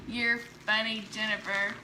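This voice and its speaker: A woman's voice: on the high side, flat delivery, slow pace, background noise. A woman hosting a casual craft live stream at home, chatting with viewers and joking and laughing a lot. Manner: joking, teasing, laughs often. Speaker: live-stream host demonstrating chalk crafts.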